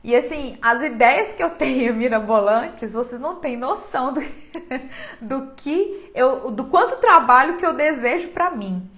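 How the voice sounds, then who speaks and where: A woman's voice: sits high, expressive, measured pace. A young Brazilian woman talking heartfelt and emotional on a phone live stream, often restarting her sentences. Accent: Brazilian Portuguese. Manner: emotional, earnest, with many restarts and soft laughs.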